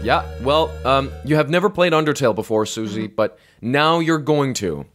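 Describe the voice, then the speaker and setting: A man's voice: medium pitch, expressive, moderate pace, fairly bright tone. A man casually commenting on a fan game as he plays it, rambling and joking at his own expense. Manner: rambling, joking, self-deprecating. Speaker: gamer playing through a fan game. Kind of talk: casual let's-play commentary. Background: game music.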